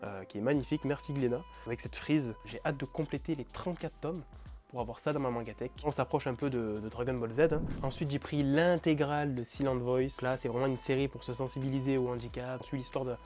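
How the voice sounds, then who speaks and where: A man's voice: mid-range voice, a little fast, darkish tone, faint music behind. A young man chatting casually as a vlog host, eagerly showing off his manga purchases with lots of fillers. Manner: enthusiastic, chatty, many fillers. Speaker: manga collecting YouTuber.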